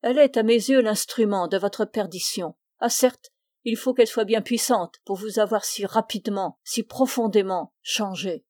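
Une lectrice incarnant une vieille mère dévote, glaciale et autoritaire. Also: female voice, mid-range voice, moderate pace, mellow, dry recording, clean studio sound, close to an everyday voice. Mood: implacable. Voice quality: cold, commanding. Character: stern devout aristocratic mother, older woman.

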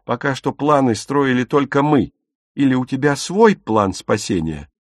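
A man voicing a blunt, sharp-tongued young woman who speaks in a curt, grumbling way in an audiobook. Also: mid-range voice, animated, measured pace, no room sound, clean studio sound, pitched above the performer's own voice. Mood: irritable. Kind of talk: audiobook character reading.

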